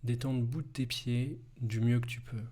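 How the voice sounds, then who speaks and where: A man guiding a hypnosis session slowly in a soft, hushed, intimate voice, as if right in your ear. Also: mid-range voice, steady tone. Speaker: hypnosis guide, video host.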